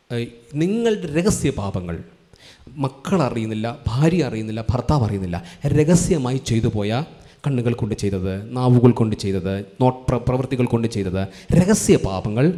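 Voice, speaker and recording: A man's voice: mid-range voice, lively intonation, moderate pace, warm tone. A man preaching a sermon to a congregation, pleading and repeating his warnings urgently. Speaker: pastor.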